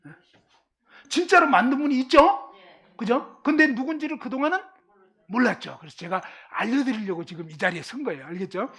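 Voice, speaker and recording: A woman's voice: on the high side, expressive, moderate pace, fairly bright tone, slightly rough. Korean woman teaching, questioning her class. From Korean countryside. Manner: keeps asking the class questions and checking understanding. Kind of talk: lively lecture to a live class.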